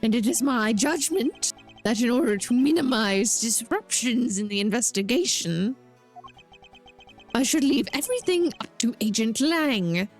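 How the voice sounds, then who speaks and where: A woman voicing an elderly, apologetic male ambassador in a video game, with a deliberate, courteous old-man voice. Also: on the high side, lively intonation, faint music behind. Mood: measured, deferential. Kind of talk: acted video game dialogue read-aloud.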